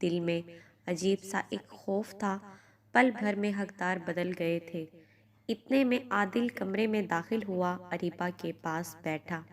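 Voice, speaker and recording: Calm woman storyteller. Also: on the low side. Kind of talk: narrated moral story.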